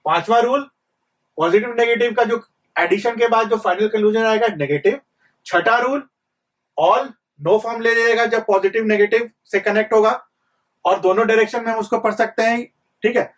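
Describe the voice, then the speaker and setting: A man's voice: high-pitched, moderate pace, recorded from a distance. A young man teaching an exam-prep reasoning lesson, repeating points and quizzing students with rhetorical questions. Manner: mixes English terms into Hindi speech.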